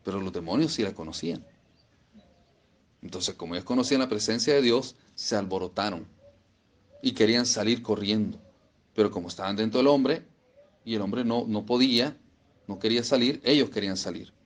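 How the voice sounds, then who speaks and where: A man's voice: on the low side, brisk, long pauses. A man preaching a sermon, emphatic and repeating phrases for stress.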